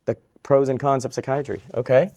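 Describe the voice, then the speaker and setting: A man's voice: medium pitch, fairly even intonation, brisk, warm tone, muffled recording. A man from Vietnam who works as a psychiatrist, giving a live question-and-answer talk to students, upbeat and joking, repeating each question back.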